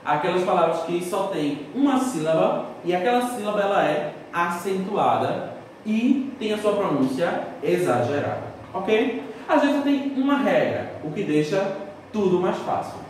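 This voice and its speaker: A male teacher with a fairly high voice that rises and falls a lot as he explains a grammar point. He asks rhetorical questions and answers them himself. He sounds a little distant from the mic, in a very echoey room with faint background noise. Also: lively intonation, a little slow, a little mellow. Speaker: school Portuguese teacher. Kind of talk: recorded classroom lesson.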